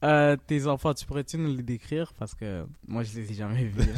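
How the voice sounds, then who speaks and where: A man's voice: medium pitch, normal speed, dry recording. A man asking casual, somewhat hesitant questions in an interview.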